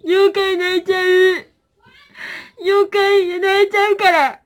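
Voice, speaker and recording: A woman's voice: very high voice, level tone, slow, voice pushed up. A woman voicing a weepy, lonely little yokai plush toy in a whiny, sobbing, pleading voice. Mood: tearful whining.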